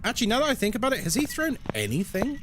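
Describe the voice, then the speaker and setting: A man's voice: very high-pitched, huge pitch swings, racing, background noise. A man chatting casually as a live game streamer, with playful, tongue-in-cheek banter and commentary for his viewers.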